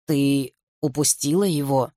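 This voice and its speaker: A woman's voice: low voice, unhurried, a little mellow, no echo, studio quality. A woman reading voicing a worried father who speaks in a strained, subdued voice in an audiobook. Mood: gentle. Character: worried gentle father, a grown man.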